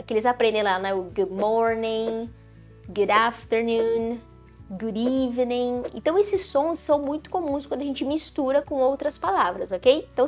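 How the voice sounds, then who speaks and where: Upbeat woman english teacher, high voice, chatty, soft music behind. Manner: upbeat, talks straight to viewer, repeats ok?. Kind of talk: online lesson addressing viewers.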